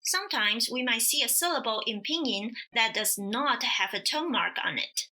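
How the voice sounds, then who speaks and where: A woman teaching pronunciation in a scripted lesson, speaking slowly and carefully as she demonstrates. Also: on the high side, animated, bright, forceful tone. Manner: slow, careful, demonstrative delivery. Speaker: language teacher.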